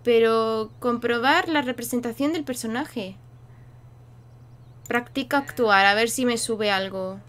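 This young woman speaks in an unhurried, slightly high voice with a fairly bright tone. She's a gaming YouTuber casually commentating a life-sim game, bantering playfully with viewers and her in-game characters.

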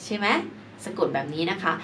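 A woman's voice: brisk, fairly bright tone. Female teacher, patient explainer, spells words out; recorded off-mic with audible noise. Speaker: English teacher. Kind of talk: explaining grammar lesson. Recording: distant mic with clear background noise.

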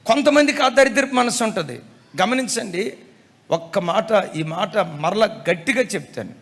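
A man's voice: high-pitched, lively intonation, moderate pace, gravelly, a bit bright. A man, a pastor, preaching a sermon emphatically, repeating key phrases and mixing in folksy humor. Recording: echoey hall reverb.

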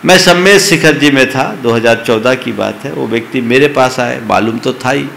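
A man, a monk, preaching slowly and emphatically, rising to loud exhortation. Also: mid-range voice, vocal fry, slight background noise. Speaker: monk giving a sermon. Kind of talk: sermon.

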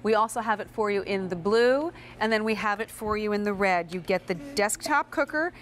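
An American woman, middle-aged, presenting a chatty sales pitch as a home shopping host. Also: brisk, slight background noise. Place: kitchen set in a TV studio.

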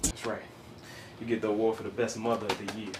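A man's voice: lowish voice, flat delivery, fast talker, reverberant, over loud music, close to an everyday voice. An actor playing a bitter, confrontational young man who curses and lashes out, in an indie film drama. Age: young adult. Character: angry young man searching for his birth mother.

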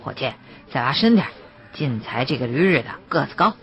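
Mocking male squad leader, lively sing-song taunts, lo-fi audiobook read by a woman. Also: medium pitch, fairly quick, voice pushed down. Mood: cold. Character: cruel young male militia squad leader.

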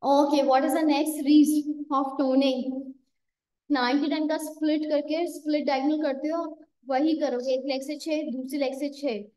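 Woman fitness instructor, high voice, unhurried counting, echoey room. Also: flat delivery, darkish tone. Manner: counting reps, calling exercises, correcting participants by name. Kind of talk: live workout class instruction.

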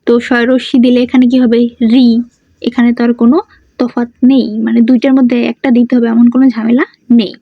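A woman's voice: on the high side, level tone, fast talker, no echo. A woman teaching a grammar lesson. She asks questions and answers them herself, and she repeats the key words. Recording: dull muffled sound, dry.

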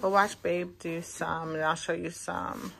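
A woman's voice: lowish voice, measured pace, creaky, background noise. Chatty woman vlogging from her car. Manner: chatty, relaxed, speaks to viewers as a friend. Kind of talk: casual vlog talk. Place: parked car. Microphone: phone camera at arm's length.

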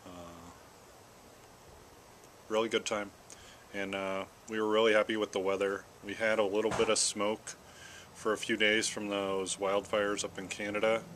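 A middle-aged American man chatting casually to camera in an unhurried, halting way, puffing on a pipe between phrases. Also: fairly low pitch, little pitch movement, a bit bright. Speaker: vlogger. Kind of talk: casual rambling solo chat. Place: outdoors in a backyard garden. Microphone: camera at about arm's length or a little more. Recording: clear outdoor background noise.

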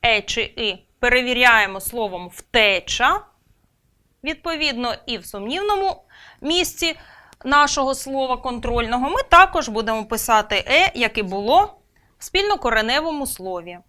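A woman teacher explains a grammar lesson in a high, bright voice. She speaks in a deliberate, well-paced way. She lifts and drops her tone a lot to stress each key word. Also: lively intonation. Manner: clear, deliberate, stresses words.

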